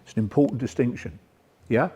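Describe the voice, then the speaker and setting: Middle-aged male lecturer, mellow voice, informal workshop delivery, reverberant hall. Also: mid-range voice, fairly quick, breathy edge, dull audio. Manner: conversational, checks in with "yeah?". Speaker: sport psychology speaker. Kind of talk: coaching workshop talk.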